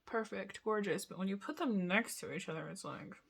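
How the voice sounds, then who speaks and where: A young man vlogs to camera in a casual, rambling chat, chatty and giggly and full of loose asides. His voice is high and brisk, creaky, with a fairly bright tone and a breathy edge.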